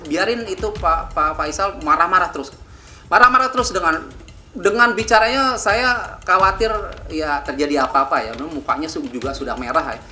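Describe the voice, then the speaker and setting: Older man in a halting, agitated retelling. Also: a little high, bright, forceful tone. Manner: halting, many restarts, voice rising when agitated. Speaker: interviewee. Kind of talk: emotional interview retelling. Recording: echoey room with background music.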